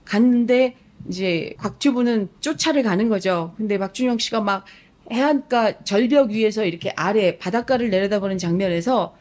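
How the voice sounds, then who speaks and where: A woman's voice: on the high side, a little mellow. A woman who works as a psychological coach, telling a story on a live stream and acting out the lines people said in a TV scene. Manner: retells a TV scene vividly, acting out quoted lines; emotionally engaged, admits crying at the scene.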